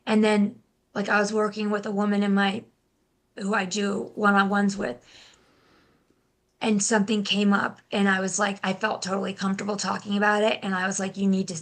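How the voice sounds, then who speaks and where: A young adult woman speaking as a guest in a casual interview, often restarting her sentences and filling pauses with "like". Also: medium pitch, completely flat delivery, fairly bright tone. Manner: halting, restarts, many "like" fillers. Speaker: guest, intuitive healer and life coach.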